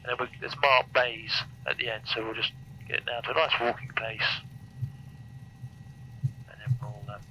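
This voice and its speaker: A British man gives flight instruction from inside a small aeroplane. He talks calmly and encouragingly, guiding step by step in casual language. His middle-pitched voice comes through a headset intercom with clear engine noise behind it. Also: normal speed, pauses often. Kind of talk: cockpit instruction and casual chat. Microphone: aviation headset. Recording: noisy cockpit intercom with engine hum.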